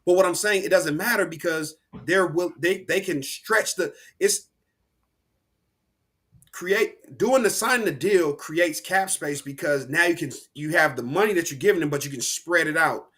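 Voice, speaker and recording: A man co-hosting a casual sports podcast, animated and rambling, with slang and frequent restarts. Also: on the high side, normal speed. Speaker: podcast co-host.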